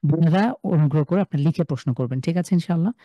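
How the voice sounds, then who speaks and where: A young man with a Bangladeshi Bengali accent, teaching an online class and sounding out each letter slowly and loudly before explaining it. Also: a little high, no echo, lo-fi sound. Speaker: Quran recitation teacher. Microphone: video call.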